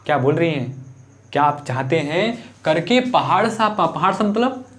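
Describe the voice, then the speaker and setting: A man's voice: a little high, lively intonation, normal speed. A male teacher explaining a Hindi poem line by line. He keeps repeating phrases, glosses hard words, and asks the class questions that he then answers himself. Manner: repeats phrases while glossing word meanings.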